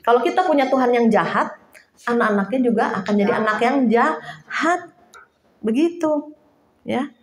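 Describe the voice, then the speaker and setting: A woman preaching an informal sermon to a small house church, chatty and lively, laughing now and then and acting out little quotes. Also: on the high side, normal speed, pauses often, echoey room.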